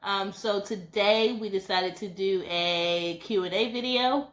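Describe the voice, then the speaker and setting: A woman's voice: mid-range voice, steady tone, measured pace, fairly bright tone. A woman in her late twenties co-hosting a casual home vlog, giggling and using lots of fillers. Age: 20s. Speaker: co-host. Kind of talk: casual couple Q&A chat. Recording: echoey room.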